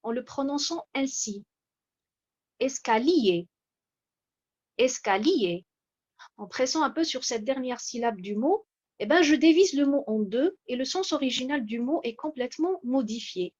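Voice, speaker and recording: A woman giving a measured, explanatory lecture from slides, pausing often with hesitations. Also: high voice, lively intonation, dull audio. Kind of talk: slide-based lecture on word stress.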